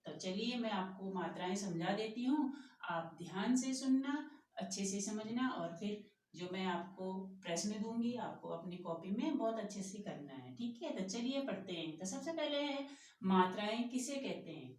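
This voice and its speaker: A woman's voice: medium pitch, lively intonation, a little mellow, roomy sound, recorded from a distance. A woman teaching young children a grammar lesson, patiently asking questions and answering them herself. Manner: slow, patient, asks and answers her own questions. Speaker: primary school teacher.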